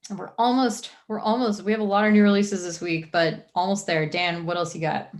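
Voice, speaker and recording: A woman's voice: fairly low pitch, fairly even intonation, moderate pace, a little mellow. Chatty woman hosting a live stream. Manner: chatty, many fillers and restarts. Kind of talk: casual live stream product rundown.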